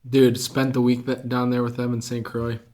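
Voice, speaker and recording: A man's voice: mid-range voice, monotone, moderate pace, a little mellow. A man co-hosting a casual ministry podcast, playful and full of "dude" and "bro", making jokey arguments. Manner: playful, says "bro" and "dude", argues jokingly. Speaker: student ministry podcast co-host. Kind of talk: casual chat.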